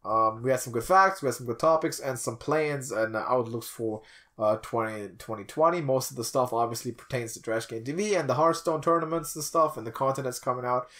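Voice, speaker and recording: Brisk and a bit bright, a young adult man's mid-range voice carries an informal, teasing podcast chat. He's the host, recording indoors in a small attic room.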